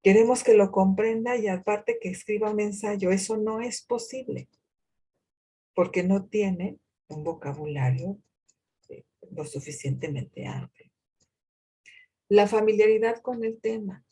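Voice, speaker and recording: Slow, husky-voiced woman lecturer. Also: mid-range voice, mellow. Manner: deliberate, poses rhetorical questions, frequent hesitations. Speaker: university lecturer. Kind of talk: recorded lecture on reading comprehension.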